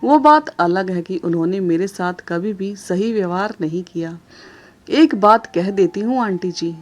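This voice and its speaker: A woman's voice: lowish voice, a little mellow. A woman voicing a respectful but aggrieved young married woman who speaks in an earnest, pleading way in a storybook.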